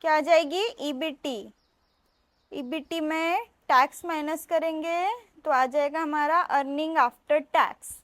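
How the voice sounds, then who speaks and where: High-voiced woman teaching, unhurried. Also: fairly even intonation, a bit bright, no echo. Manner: chatty, playful, drills the class in call-and-response. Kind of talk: exam revision lecture.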